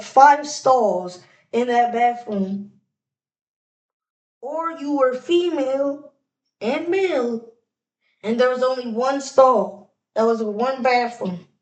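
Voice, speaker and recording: Slow-talking, high-pitched woman rambling casually. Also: a little mellow, rough recording. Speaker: video creator reacting to clips. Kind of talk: casual rambling reaction commentary.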